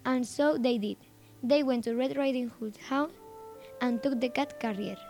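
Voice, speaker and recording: A woman reads a children's story aloud, phrase by phrase. Her voice sits high, and she stumbles and restarts now and then. Faint music plays behind her. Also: normal speed, a little mellow. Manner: reads in short phrases with some slips and restarts.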